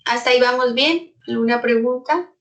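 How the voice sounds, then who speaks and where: A woman's voice: on the high side, moderate pace, far from the mic, dull audio. A woman internist teaching medical students in an online lecture, acting out bits of doctor and patient dialogue.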